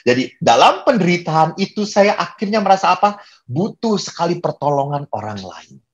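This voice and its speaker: Priest telling stories with humor. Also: male voice, fairly high pitch, sing-song, normal speed, muffled recording. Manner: storytelling with humor, acts out quoted voices. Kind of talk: sermon.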